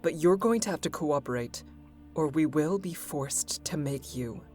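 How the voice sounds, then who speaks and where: A woman's voice: low voice, expressive, moderate pace, darkish tone, faint music behind. A woman voicing a grave, considerate female spaceship crew member in a video game. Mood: grave, apologetic.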